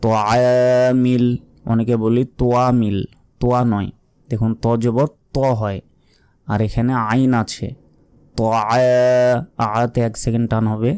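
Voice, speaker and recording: A man teaching Quran recitation, explaining pronunciation step by step, repeating words and chanting verses with long drawn-out notes. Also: mid-range voice, fairly even intonation, mellow, smooth, no echo, clean studio sound. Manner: slow and careful, repeats words to correct pronunciation.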